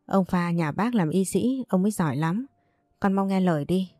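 A woman's voice: lowish voice, lively intonation, mellow, dry recording, clean studio sound, close to an everyday voice. A woman voicing a fussy older matron. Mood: coaxing. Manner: rapid, accusing.

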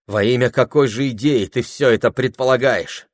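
A man voicing a gentle, anxious wife who asks restrained, questioning lines in an audiobook. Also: medium pitch, moderate pace, no room sound, studio quality, voice pushed up, close to an everyday voice. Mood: wary questions.

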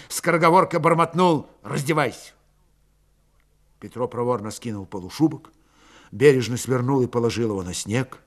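A man reading a novel aloud as audiobook narration, dramatic, moving between slow hushed passages and rising intensity. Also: mid-range voice.

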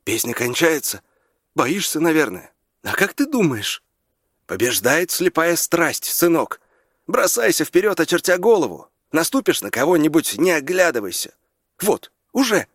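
Brief: male reader doing a dramatic young Irish fellow, pleading, raised pitch. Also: sing-song, normal speed, dry recording, studio quality. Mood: urging. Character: excitable young Irish man, theatrical complainer.

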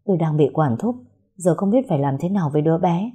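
Give me a woman playing a trapped young woman pleading for help, low and dark-toned. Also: animated, quick pace, breathy edge. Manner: pleading, hushed. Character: young woman held captive by her family, desperate and pleading.

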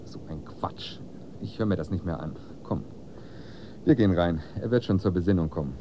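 A man's voice: sits low, brisk, background noise, lightly acted. An actor playing a tired, stern middle-aged father and doctor in a radio play, firm and sarcastic.

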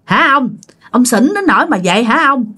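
A fretful, nagging older village mother in a spoken ghost story, put on by a woman. Her talk keeps rising and falling with worry. The voice is fairly high. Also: lively intonation, normal speed, sharp tone. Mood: scolding.

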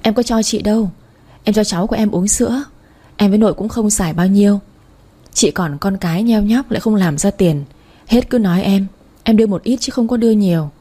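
A woman's voice: medium pitch, a little fast, warm tone, husky, natural voice. A woman voicing a fierce, outspoken young woman who scolds and protects her family, speaking sharply. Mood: firm caring.

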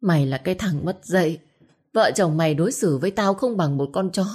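A woman's voice: on the low side, expressive, a little fast, slightly rough. Give me a woman acting out a bitter, wailing sick old man in an audio story. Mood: cursing. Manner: moaning, then shouting curses.

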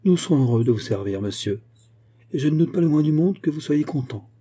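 An ingratiating shopkeeper, all smooth courtesy, as a male narrator reads him. The voice stays dark and a little husky. His tone is polite and accommodating. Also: fairly high pitch, expressive, brisk, pitched above the performer's own voice.

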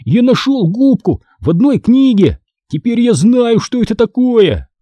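A man's voice: sits high, huge pitch swings, takes it slowly, warm tone, no room sound, voice pushed up, full character voice. A man voicing an eager young boy who talks breathlessly. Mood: excited.

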